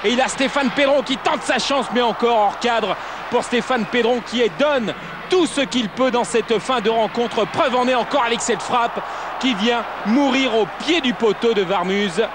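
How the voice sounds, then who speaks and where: Over clear crowd noise, a man delivers excited sports commentary on a football match. His voice is extremely high for a man, dramatic and emphatic as he calls the play. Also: moderate pace. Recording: loud stadium crowd noise behind voice. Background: football stadium crowd.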